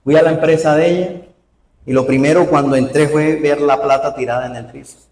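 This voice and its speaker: A man's voice: on the high side, brisk. Man preaching from afar in an echoey church. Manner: animated preaching with rhetorical questions. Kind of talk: sermon. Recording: roomy hall, voice from far off.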